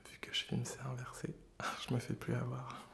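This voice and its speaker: A man hosting ASMR in a gentle, hesitant whisper, very close in the ear on binaural microphones. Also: mid-range voice, monotone, normal speed, vocal fry. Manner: gentle, soft-spoken. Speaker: ASMR video host. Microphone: close binaural stereo microphones.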